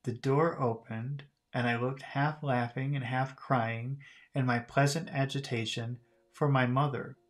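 A man's voice: mid-range voice, steady tone, measured pace. Man reading a novel aloud. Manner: careful reading with slips and self-corrections. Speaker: audiobook reader for learners. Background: faint music.

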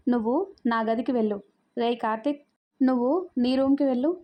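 A woman storyteller voicing a gentle middle-aged mother-in-law in a spoken story. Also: a little high, steady tone, fairly quick, muffled recording, lightly acted.

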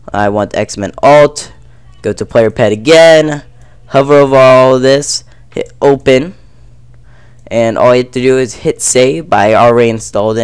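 A man's voice: mid-range voice, clear, resonant tone, no room sound. A young man with a cold gives a casual, rambling tutorial on installing a game mod, with lots of fillers. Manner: rambling, filler-heavy, offhand. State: congested with a cold. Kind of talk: casual screen-recorded tutorial. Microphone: computer mic on a screen recording.

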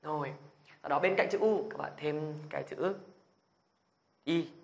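Slightly high and gravelly, his voice moves at a somewhat slow pace. In a beginner language class he keeps asking viewers if they follow, checks in patiently after each point, and leads lively out-loud drills of the sounds.

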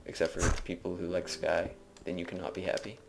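Let's player, male, very low voice, loose jokey gameplay chatter into a desk mic. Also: level tone, fairly quick, gravelly, noisy background. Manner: rambling, jokey self-narration. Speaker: video game let's player. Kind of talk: casual gameplay commentary. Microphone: desk microphone.

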